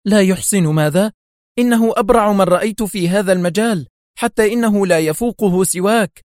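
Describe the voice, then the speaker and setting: A man voicing an excitable male doctor friend in an audiobook, eager and exclaiming. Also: high-pitched, fairly quick, dry recording, clean studio sound, voice pushed up, lightly acted. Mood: excited.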